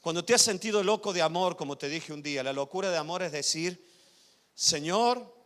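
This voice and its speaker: A male pastor preaches in a bright, forceful, somewhat high voice. He moves between loud emphatic declarations and hushed, close asides, checking that his listeners follow. The sound rings out with the long reverb of a church hall. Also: fast talker, clean tone. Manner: asks the congregation if they follow. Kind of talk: sermon.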